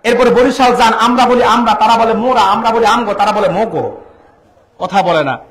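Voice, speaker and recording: A man preaching an impassioned sermon to a large gathering, calling out questions to the crowd and rising into shouts and chanted verses. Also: sits high, normal speed. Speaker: Islamic preacher. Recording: echoey amplified venue.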